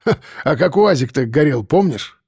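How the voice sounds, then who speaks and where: A man voicing a gruff, grumbling older man recovering in a hospital bed. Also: on the high side, expressive, normal speed, darkish tone, dry recording, studio quality, exaggerated voice. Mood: warm.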